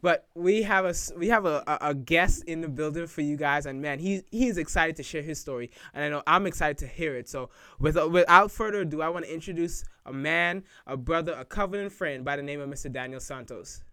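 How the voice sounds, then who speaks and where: A man's voice: fairly high pitch, brisk, hardly any pauses, sharp tone, smooth, dry recording, studio quality. A man hosting a faith podcast interview, upbeat and effusive as he welcomes listeners and asks questions. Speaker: podcast host.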